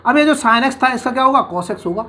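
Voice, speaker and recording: A man's voice: extremely high pitch, lively intonation, bright, forceful tone. A man teaching engineering mathematics in an online lecture, coaxing the class with constant questions and acting out imagined student objections. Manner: brisk, coaxing teacher who asks the class questions and answers them.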